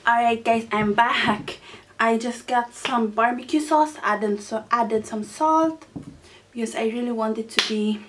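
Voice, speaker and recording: A young woman hosting a casual mukbang, chatting excitably to viewers as she eats. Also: a little high, unhurried, slight background noise. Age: teenager to young adult. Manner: excitable, exclaiming, talking to viewers while eating. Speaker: mukbang host. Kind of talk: casual mukbang eating chat to camera.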